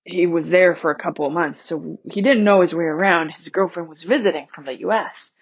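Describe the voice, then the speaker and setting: A woman podcast host in her thirties talks candidly about her own life, her voice sitting a little low. The recording sounds slightly muffled and lo-fi. She laughs now and then as she tells her stories. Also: fairly quick, husky. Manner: candid and conversational, laughing now and then, with a lot of pitch movement. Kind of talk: personal storytelling podcast.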